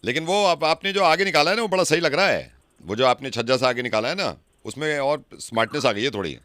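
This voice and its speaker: Male RJ prank caller, bright and dry-sounding, pushy and repetitive, plays dumb with exaggerated exasperation. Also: a little high, animated, quick pace, no echo. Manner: insistent, repeating himself, rising to exasperated. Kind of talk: prank phone call.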